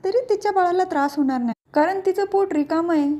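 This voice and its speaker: A woman's voice: very high voice, fast, warm tone, voice pushed up. A woman voicing a scheming, spiteful middle-aged aunt from a family serial, speaking in a mocking, taunting way. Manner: sneering, mocking.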